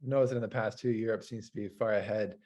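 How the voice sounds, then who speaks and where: A man's voice: fairly low pitch, fairly even intonation, quick pace, a little mellow. A man from North America, a dairy farmer hosting an interview, talking in a hesitant, rambling way with lots of fillers. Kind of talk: casual interview chat.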